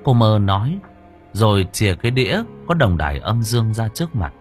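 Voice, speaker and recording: A man narrating an audiobook story in an expressive storytelling manner. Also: fairly low pitch, a little fast. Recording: narration with faint music.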